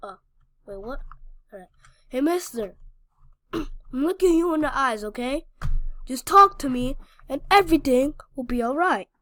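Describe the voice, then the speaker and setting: High-pitched excitable woman gaming. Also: unhurried, long pauses, dry recording. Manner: excitable, talks back to the game, slangy; scattered, restarts and stammers. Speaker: gaming channel host. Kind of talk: casual Minecraft gameplay commentary.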